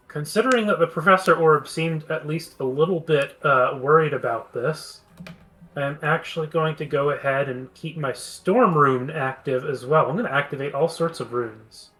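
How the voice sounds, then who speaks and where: A man's voice: fairly high pitch, fairly bright tone, poor audio. A man playing a tabletop game, thinking aloud as he plans his turn and explains the rules. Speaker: player.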